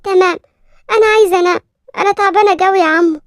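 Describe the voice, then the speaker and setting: A woman doing a small Egyptian girl of ten, squeaky and quick, pleading and talking back in a childish way. The voice sits very high and the sound is close and dry, like a storybook cartoon. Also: steady tone, no echo. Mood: scared, tired. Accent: Egyptian Arabic. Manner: childish, pleading then indignant. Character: frightened ten-year-old orphan girl, sleepy, defiant.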